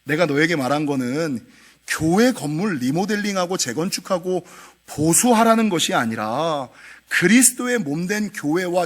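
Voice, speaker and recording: Preacher doing a stern divine voice, commanding, slow, weighty. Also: male voice, sits high, bright, forceful tone, full character voice.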